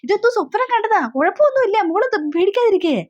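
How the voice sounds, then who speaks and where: A woman's voice: extremely high pitch, lively intonation, fast, lo-fi sound, voice pushed up. Woman doing a fussing old grandmother. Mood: soothing. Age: older. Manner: coaxing, fussing. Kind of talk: comic family skit.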